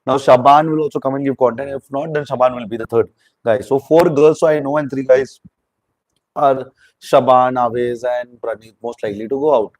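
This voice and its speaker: A man's voice: mid-range voice, steady tone, moderate pace, a little mellow, no echo, rough recording. A man giving a rambling, opinionated spoken review of a reality show, mixing in Hindi words.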